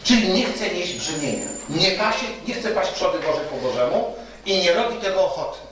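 Preaching a sermon at normal speed, a man with a high, animated, somewhat bright voice tells stories and repeatedly puts the rhetorical "tak?", meaning "right?", to his congregation. Captured from afar in an echoey hall with light hiss or hum.

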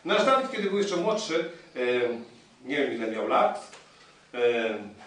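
Lively preaching man in echoey hall. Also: medium pitch, slow. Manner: animated storytelling, addressing the congregation. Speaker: pastor. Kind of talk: sermon. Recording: echoey hall, distant mic.

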